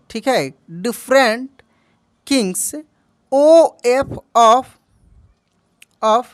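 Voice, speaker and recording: A woman's voice: on the high side, dry recording. A woman teaching an English reading lesson online. She spells each word letter by letter, repeats it and asks "what will we read, my friend?". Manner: calls the listener "my friend".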